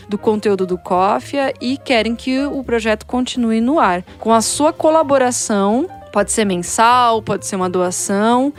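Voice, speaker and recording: A woman with a Brazilian accent hosting a podcast in a chatty, enthusiastic way, speaking directly to her listeners. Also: on the high side. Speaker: podcast host.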